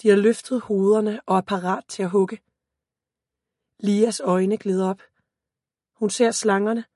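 A woman reading a first-person story aloud as an audiobook narrator, in a calm, steady voice. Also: medium pitch, dry recording, clean studio sound.

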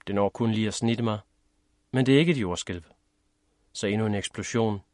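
Man, low voice, first-person story narration, measured and steady, dry close sound. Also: no room sound. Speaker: audiobook narrator.

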